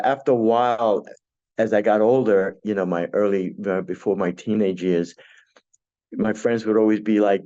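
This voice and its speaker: A man in his sixties, born in Puerto Rico and raised in Brooklyn, New York, appears as a guest DJ in a casual interview, talking with lots of fillers and restarts. His voice is low and warm, and the recording sounds muffled.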